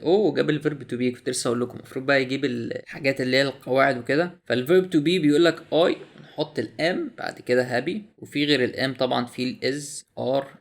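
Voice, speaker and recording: A young man with an Egyptian Arabic accent casually walks through a language app on screen, often exclaiming in surprise. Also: mid-range voice. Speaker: YouTuber reviewing a language app.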